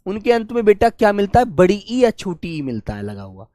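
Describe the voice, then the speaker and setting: Guy teacher dictating notes, drags out key words slow, keeps calling his students kids, very dry close sound. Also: high-pitched, sing-song, no echo. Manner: warm coaxing, calls students "beta", asks and answers his own questions. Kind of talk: online exam-prep grammar class.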